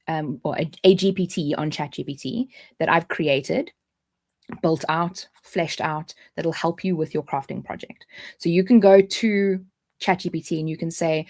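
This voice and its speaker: Speaking in a mellow, fairly low-pitched voice, a South African woman hosts a relaxed livestream. She chats away, skips between ideas, and frequently starts her sentences over.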